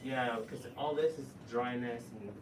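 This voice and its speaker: A man's voice: mid-range voice, steady tone, unhurried. Echoey, distant man explaining care. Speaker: medical staff explaining patient care. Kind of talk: informal medical consultation. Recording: echoey, distant, noisy room recording.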